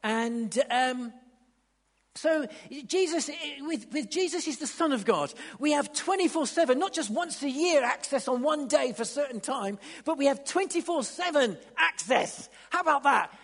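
High-voiced preacher in a reverberant hall. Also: male voice. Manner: halting, repeats words, builds to excited emphasis. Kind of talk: sermon.

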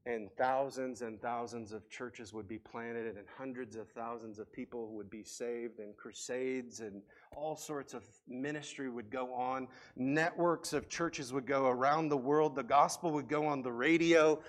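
A pastor delivers a sermon as a story, his voice climbing when the tale turns urgent and sinking low for tender moments. He is a man with a mid-range voice. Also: fairly even intonation, measured pace, few pauses. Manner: impassioned storytelling, rising and falling emphasis.

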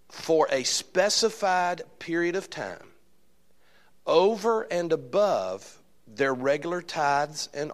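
Folksy man with an Alabama accent. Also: fairly high pitch. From Alabama, United States. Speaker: guest pastor and church fundraising consultant. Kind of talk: public address to a church congregation.

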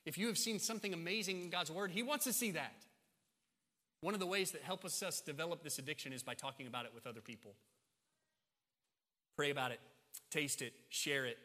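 A man's voice: on the high side, brisk, long pauses, sharp tone. A man in his forties preaching a sermon as pastor, emphatic and repeating phrases for stress. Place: church sanctuary. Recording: long hall reverb, church sanctuary.

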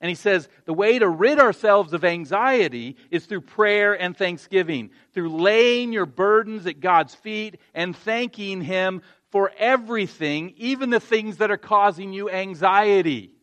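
Unhurried but with hardly any pauses, a man speaks in a high-pitched, somewhat bright voice as he preaches. His conversational sermon features a personal story and self-deprecating laughter, rising to earnest appeals to the congregation.

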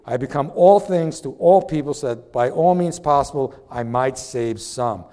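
A man's voice: medium pitch, animated, moderate pace, mellow. A middle-aged man preaching a sermon as pastor, impassioned and preachy, sweating as he talks. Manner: impassioned, preachy, acts out little dialogues.

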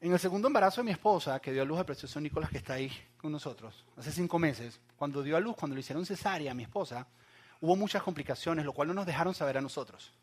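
A young man with a fairly high voice preaches a sermon. He moves from loud, urgent cries down to hushed asides, talking straight to his listeners. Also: expressive, fast talker. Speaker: pastor.

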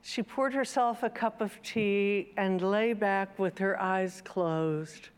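A woman reading a children's story aloud, then reflecting in a measured, gentle sermon. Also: mid-range voice, clean tone. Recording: long hall reverb.

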